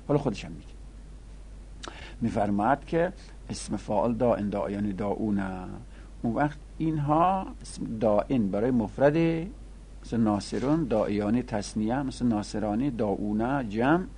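Gravelly, husky man teaching grammar. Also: lowish voice, a little mellow. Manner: explains step by step, repeats word forms slowly. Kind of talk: seminary grammar lesson.

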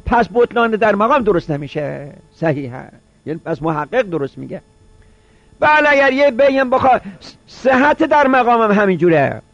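A man's voice: sits high, fairly bright tone, no echo, muffled recording. A man giving a seminary jurisprudence lecture, repeating each point and posing rhetorical questions. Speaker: seminary teacher.

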